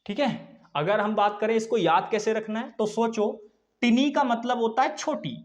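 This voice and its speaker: A man's voice: high voice, normal speed. A young man teaching a vocabulary lesson online, repeating each point and answering his own questions for his students. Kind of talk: online exam-prep lesson.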